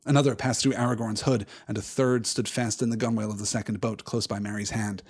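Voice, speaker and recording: A man's voice: lowish voice, flat delivery, fast talker, a little mellow, breathy edge. A man hosting a live book-reading stream, reading aloud and thoughtfully digressing to answer chat comments.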